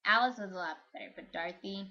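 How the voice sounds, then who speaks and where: A young woman talks casually in a home vlog, her voice bright and a little sharp. She giggles often and fills her sentences with "um" and "like." The sound is dull and lo-fi. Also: medium pitch, fast talker. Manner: giggly, chatty, lots of fillers. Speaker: vlogger. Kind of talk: casual chat.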